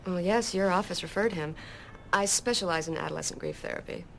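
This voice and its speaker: An actress playing a self-assured woman child therapist who talks down in a measured, patronizing way. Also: fairly low pitch, gravelly, fairly bright tone, slight background noise. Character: condescending woman psychologist, smooth and self-assured.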